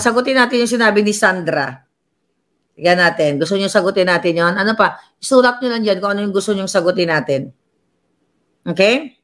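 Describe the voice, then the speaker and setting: A woman's voice: mid-range voice, a bit bright. Scornful woman vlogger. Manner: mocking, scornful, reads comments and quotes aloud. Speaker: political commentary vlogger. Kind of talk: casual political commentary livestream.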